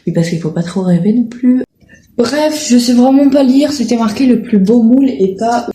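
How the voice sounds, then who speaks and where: A woman's voice: on the high side, lively intonation, moderate pace, dark tone, slight background noise. A woman chatting casually to her viewers, hesitant and full of filler sounds and self-corrections. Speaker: video creator. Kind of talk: casual chat presenting riding-school horses. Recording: roomy echo.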